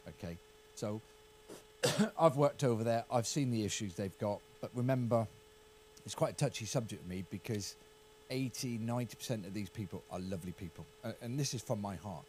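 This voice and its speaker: This county councillor, a middle-aged Englishman with an English accent, works through a political discussion in a halting way full of hedges and repeated words. He has a lowish, slightly mellow voice, with slight background noise.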